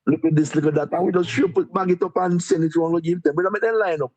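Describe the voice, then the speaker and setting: A man's voice: on the high side, fairly even intonation, very fast, a little mellow. A man with a Jamaican accent, a deputy mayor being interviewed, talking in a repetitive, rambling way and chuckling. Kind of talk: interviewed on a live stream.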